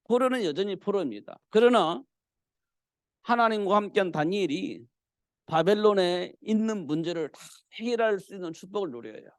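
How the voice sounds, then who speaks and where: A male pastor preaching a sermon in a church, telling the story with animated delivery. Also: high voice, normal speed, no room sound, studio quality. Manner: animated storytelling, acting out the king's cries.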